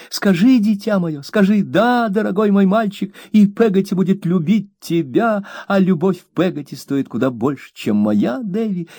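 A man's voice: high-pitched, dark tone, dry recording, studio quality, voice pushed up, exaggerated voice. A man voicing a tearful young mother who pleads and reproaches her servant, in an audiobook reading. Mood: pleading tenderly.

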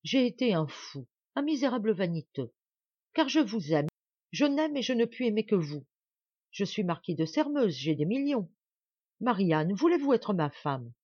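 Brief: woman narrator playing a fiery young aristocrat, lively exclaiming delivery, audiobook, dry lo-fi sound. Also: on the low side, moderate pace, husky, no echo. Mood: ardent. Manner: ardent, rising exclamations. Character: young nobleman, impulsive and passionate.

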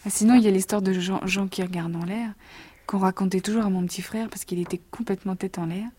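An actress reading rhymed children's stories aloud with lively rhythm, and recalling them more quietly between readings. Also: female voice, medium pitch, quick pace, slight background noise.

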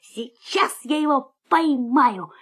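Lady doing a little puppy, high squeaky storybook pup, eager, gets weepy when scared. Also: lively intonation, takes it slowly, fairly bright tone, exaggerated voice. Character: small curious young male puppy.

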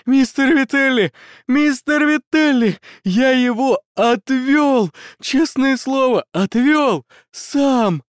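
A hysterical wounded schoolboy. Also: male voice, slow, smooth, dry recording. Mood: panicked. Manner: shrill, babbling, close to sobbing. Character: panicked wounded teenage schoolboy, breathless and hysterical.

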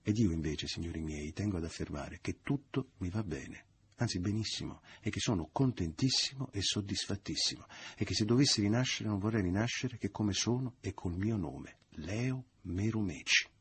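A man's voice: low voice, brisk, a little mellow, slightly rough, full character voice. A man voicing a smug, falsely good-natured man at a family dinner, in a triumphant, self-satisfied tone.

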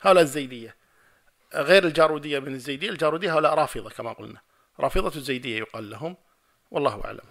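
A man giving a religious lecture and answering audience questions, who retells a debate as dialogue and builds to forceful, repeated points. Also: on the high side, very fast, vocal fry. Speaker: Islamic scholar giving a lecture.

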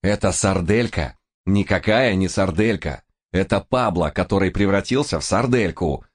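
A man voicing a hot-tempered young reporter who speaks emphatically and nearly shouts with exasperation. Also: lowish voice, lively intonation, a little slow, pitched above the performer's own voice. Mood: exasperated.

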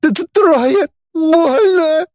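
Squealing broken saboteur dude, shrill and sobbing, dry close sound. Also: male voice, extremely slow, a little mellow, dry recording, exaggerated voice. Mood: shrieking. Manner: shrieking, sobbing in pain. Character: squealing captured male saboteur, panicky.

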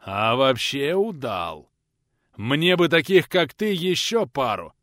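A stern grand prince of old Rus' barks orders in a booming, gruff voice, as a male narrator plays him. His pitch swings widely as he commands, and the sound is dry and close, with no room around it. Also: very animated, slow, a bit bright, no room sound. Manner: booming, gruff, archaic speech.

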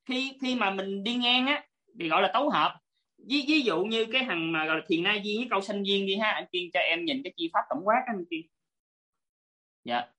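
A woman's voice: mid-range voice, animated, a little fast, pushed and bright. A woman teaching an online class over a video call, politely explaining step by step and repeating her points.

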